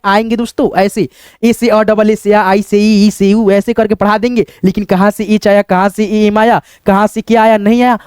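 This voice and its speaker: A man with a fairly high voice gives a beginners' lesson, repeating each point and calling his viewers friends. He slows down to sound letters out one by one. His voice is close and dry, with no room echo. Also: darkish tone. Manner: addresses viewers as friends, repetitive and drilling. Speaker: English teacher. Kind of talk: online lesson explaining letters.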